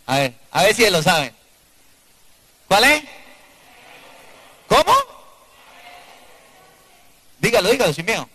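Male priest, sermon to a live congregation; bright, forceful tone, drops to a hush between emphatic questions. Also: sits high, sing-song, normal speed, long pauses, husky, rough recording. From Venezuela. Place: church before a live congregation.

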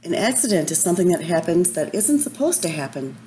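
Storybook mother raccoon, soft and patient, low and mellow, read by a woman. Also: big pitch swings, brisk, a little hiss or hum. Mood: soothing. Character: gentle caring mother raccoon.

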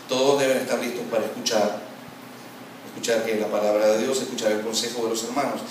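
Animated preaching man in an echoey hall. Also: medium pitch. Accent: Latin American Spanish. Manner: animated preaching, acting out quarrels in mimicking voices. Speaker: pastor. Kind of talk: sermon. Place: church hall. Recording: very echoey hall, from far off, noisy.

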